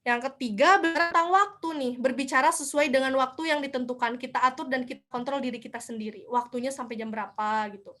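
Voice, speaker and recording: A woman's voice: high voice, fast, hardly any pauses, fairly bright tone. A young woman giving a casual online lecture, chatty, asking herself questions and answering them. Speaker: speaker at a student seminar.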